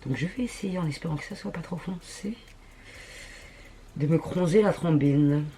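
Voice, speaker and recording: In a deep, warm voice at normal speed, a woman makes casual conversation at home while trying makeup for a tutorial, leaning on crude slang and self-mocking jokes. A slight background noise is present.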